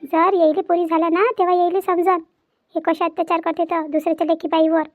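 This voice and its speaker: A woman's voice: very high-pitched, little pitch movement, quick pace, soft background music. A woman voicing a worried, scolding village mother in a cartoon family drama. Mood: fretful. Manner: fretful, scolding motherly talk.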